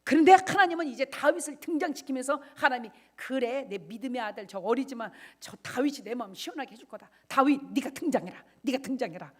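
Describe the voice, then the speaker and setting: High-voiced woman pastor preaching emphatically. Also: expressive, quick pace, few pauses. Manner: emphatic preaching, swinging between loud cries and quiet asides; acts out quoted speech with dramatic voices. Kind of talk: sermon.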